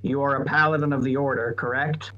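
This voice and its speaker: A man's voice: mid-range voice, steady tone, brisk, bright, forceful tone, highs cut off, faint music behind. A man talking casually as a player in a tabletop game, describing what his character does.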